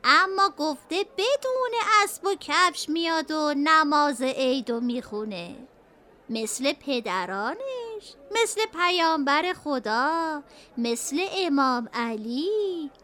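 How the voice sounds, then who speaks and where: An actress playing a kind old grandmother in a radio storybook, speaking slowly and tenderly. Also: sits high, very animated, pushed and bright, heavily acted. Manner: slow, soothing, tender.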